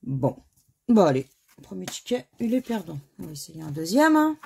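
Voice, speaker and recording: A woman from France commenting as she scratches lottery tickets, spelling out letters one by one in a slightly hoarse voice. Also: fairly low pitch, very animated, normal speed, noisy background. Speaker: scratch-card video host. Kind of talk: casual scratch-card commentary.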